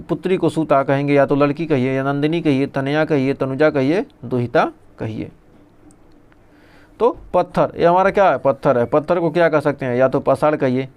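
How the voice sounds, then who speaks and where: A man's voice: medium pitch, darkish tone, clean tone. A male teacher giving an exam revision lesson, reading out lists and asking and answering his own questions.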